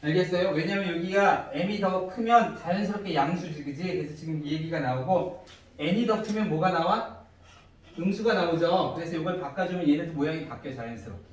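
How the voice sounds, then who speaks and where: A man's voice: on the high side, fairly quick. A man teaching a math class, explaining step by step and often asking his students if they follow. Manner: asks students frequent check-in questions. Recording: echoey room, distant mic.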